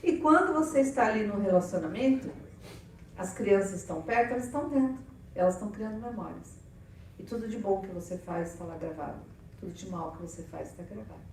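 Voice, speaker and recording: A woman with a Brazilian Portuguese accent preaching on family life, animated and playful, acting out little dialogues. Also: mid-range voice, fast, a little hiss or hum. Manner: animated, playful, acts out quotes. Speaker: church speaker on family life. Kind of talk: lively sermon talk with acted dialogue. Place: church hall. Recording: echoey hall, far from mic.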